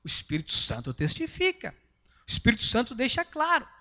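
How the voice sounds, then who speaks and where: A Brazilian pastor preaching a sermon emphatically, swinging between loud passages and hushed ones. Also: male voice, very high voice, huge pitch swings, a little fast, dull audio. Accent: Brazilian Portuguese.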